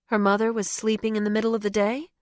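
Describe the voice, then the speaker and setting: A woman voicing a calm female therapist who asks measured, gently probing questions. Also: medium pitch, no room sound, studio quality, pitched above the performer's own voice, lightly acted.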